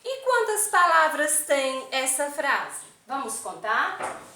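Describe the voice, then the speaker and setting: Slow, patient teacher woman. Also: high voice, very animated, bright, forceful tone, a little hiss or hum. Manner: asks many questions, counts aloud, tag questions like "não é isso?". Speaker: primary school teacher. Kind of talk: slow, patient literacy lesson for young children. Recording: echoey room, mic at a distance.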